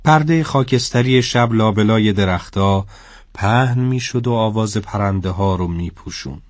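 Low-voiced man narrating a story. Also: no room sound, clean studio sound.

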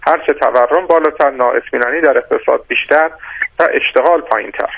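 A man giving measured, explanatory answers as an economist guest in a radio interview, with frequent hesitations and restarts. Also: mid-range voice, vocal fry, fairly bright tone, breathy edge. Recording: dry, dull lo-fi radio sound.

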